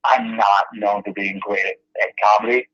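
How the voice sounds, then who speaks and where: A man's voice: on the low side, level tone, moderate pace, a bit bright. A man talking over the phone as an interview guest, telling rambling, self-deprecating stories in a casual way. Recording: muffled phone line.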